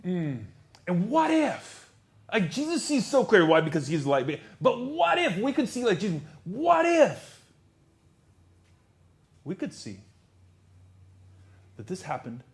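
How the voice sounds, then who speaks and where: A man preaching with a fairly high, bright-pitched voice. His delivery is very animated, swinging from shouted peaks to near-whispers. He often repeats a word several times as he drives a point home. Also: slow pace, long pauses. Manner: dramatic swings from loud outbursts to hushed near-whispers; repeats words as he builds a point. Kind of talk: sermon. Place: church service.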